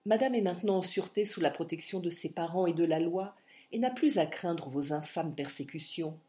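A woman's voice: on the low side, fairly quick, warm tone, natural voice. A woman voicing a haughty young male lord who speaks with contempt and disdain, in an audiobook reading. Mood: scornful.

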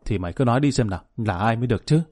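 A man's voice: mid-range voice, expressive, very fast, darkish tone, no echo, lightly acted. A man voicing a stern, aging father who speaks curtly and coldly, scolding his children. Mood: gruff. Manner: curt, scolding.

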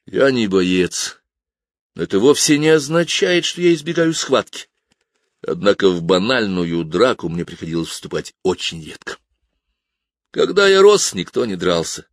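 An audiobook narrator reads a novel aloud as scripted narration, in a measured, even storytelling manner. His voice is fairly low, recorded at studio quality with no echo.

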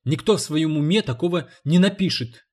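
A man voicing a loud, indignant woman cleaner in an audiobook, shrieking and scolding. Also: expressive, normal speed. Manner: shrill, exclaiming, scolding.

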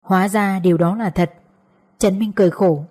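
A woman's voice: medium pitch, fairly even intonation, normal speed, warm tone, slightly rough. A woman narrating a scripted story as an audiobook reader.

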